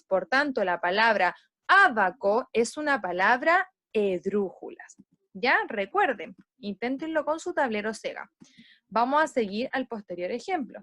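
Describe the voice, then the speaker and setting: A primary school teacher, a woman, speaks to young pupils in a lively voice that climbs high and swoops back down. She slows right down to stretch out each stressed syllable. The sound is close and dry, with no room around it. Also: no echo. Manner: slow, stressed syllables when modeling words. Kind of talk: explanatory lesson for children.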